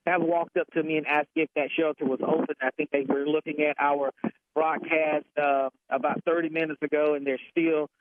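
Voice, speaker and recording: A man giving a live severe weather report from the field in a halting way, correcting himself as he goes. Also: a little high, level tone, dry recording, narrow, tinny audio. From Alabama, United States. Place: outdoors in a windy residential area.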